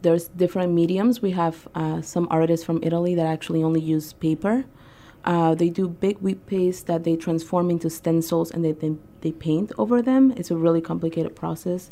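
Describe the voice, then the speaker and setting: Young woman from Peru, radio interview guest, deep gravelly mellow voice, casual with fillers. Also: steady tone, moderate pace. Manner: conversational, frequent ums and uhs. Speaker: guest, arts organizer.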